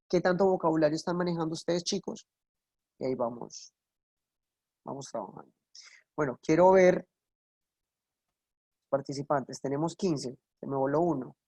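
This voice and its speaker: A woman teaching an online English class, coaxing her students and explaining pronunciation step by step with plenty of examples. Her voice sits fairly low and sounds close and dry, with no room around it. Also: warm tone, no echo. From Colombia.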